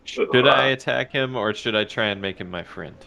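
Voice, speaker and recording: A man's voice: lowish voice, moderate pace, vocal fry, heavy background noise. A man playing a warrior in a tabletop game, joking crudely with friends. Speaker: player. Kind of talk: casual tabletop game chat.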